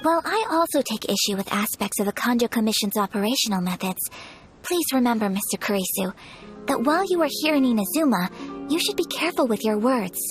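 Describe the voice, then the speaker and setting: A woman's voice: a little high, lively intonation, a little fast, faint music behind, natural voice. An actress playing a polite young noblewoman in a video game, speaking formally with composed courtesy. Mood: composed, firm. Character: refined, polite young noblewoman of high clan.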